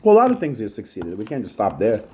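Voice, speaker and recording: A man's voice: fairly low pitch, wildly swooping pitch, fast talker, lo-fi sound, noisy background. A middle-aged man, rambling profanely in a solo monologue about his childhood, repeating himself and saying "yo" often. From Long Island, New York. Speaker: channel host.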